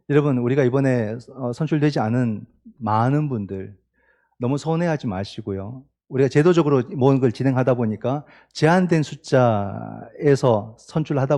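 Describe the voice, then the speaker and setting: A man preaching a sermon as pastor, talking conversationally and asking the congregation rhetorical questions, swinging between loud emphatic peaks and quiet low asides.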